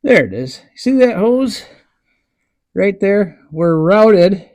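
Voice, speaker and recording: A man's voice: high voice, big pitch swings, takes it slowly, darkish tone. A man narrating casually to his viewers while he works on a tractor in his barn, in a folksy, easygoing way. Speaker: DIY tractor mechanic.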